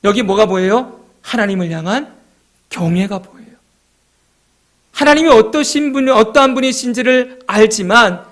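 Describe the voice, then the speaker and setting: High-voiced Korean man preaching a sermon. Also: animated, moderate pace, long pauses, a bit bright. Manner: asks the congregation questions and answers them himself; reads scripture aloud and then explains it. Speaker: pastor. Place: church.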